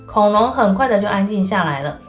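A woman reads a children's adventure story aloud. Her telling is lively and animated, with casual fillers between phrases. Soft music plays faintly behind her. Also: medium pitch, a little fast, highs cut off. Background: soft background music.

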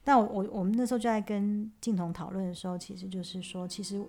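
A woman's voice: mid-range voice, little pitch movement, fast talker, darkish tone. A woman chats about rehearsing a piece, often checking for agreement. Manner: chatty, asks for agreement. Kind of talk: casual music discussion.

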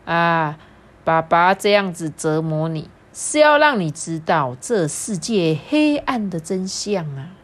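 A grumbling dad who teases and scolds his son in a mock-stern voice, as a woman storyteller puts him on. He speaks slowly and deliberately. This is a voice from a read-aloud children's storybook. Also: fairly low pitch, big pitch swings. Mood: teasing. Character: teasing, grumbling father of a young boy.

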